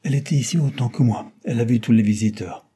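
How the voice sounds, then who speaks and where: A man voicing a mischievous mechanic in an audiobook, raising his pitch for cheeky banter. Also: fast, mellow, breathy edge, natural voice.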